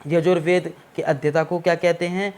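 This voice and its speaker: A man's voice: on the high side, flat delivery, moderate pace, darkish tone. A man teaching an exam-prep history lesson, explaining step by step and often checking that students follow, with English words mixed into his Hindi. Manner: explanatory, repeats "ठीक है ना" to check understanding.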